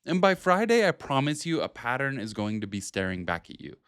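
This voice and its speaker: A man's voice: mid-range voice, very animated, fairly quick, a bit bright, clean tone, no echo, clean studio sound. A man hosting an advice video, explaining in a conversational, direct way with short emphatic phrases. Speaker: video host and productivity coach. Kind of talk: talking to camera, explanatory advice.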